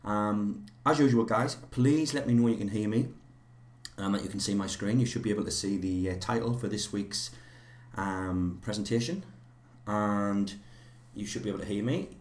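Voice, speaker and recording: A man teaches a live online course in a rambling way, with many fillers and restarts, his voice slightly hoarse from a cold. It's on the low side and darkish in tone, at a moderate pace, and the room sounds echoey.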